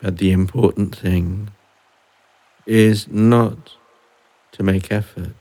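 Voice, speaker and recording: A man guiding a relaxation and breathing meditation, speaking softly and unhurriedly with long pauses between phrases. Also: lowish voice, steady tone. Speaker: meditation guide. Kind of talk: guided relaxation.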